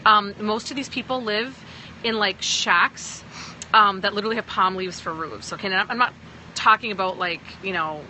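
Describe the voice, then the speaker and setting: At a moderate pace, a woman with a pushed, bright, medium-pitched voice addresses viewers on a phone livestream; the recording is low quality with slight background noise. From Pakistan but sounding American, she leads a sales team, speaks emphatically, and often checks in with "okay?"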